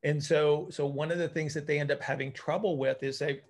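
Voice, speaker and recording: On a group video call from a room at home, a middle-aged man who works as a coach and physical therapist explains technical ideas informally, repeating words as he thinks aloud. His voice is a little high and darkish, with fairly even intonation and a slightly fast pace.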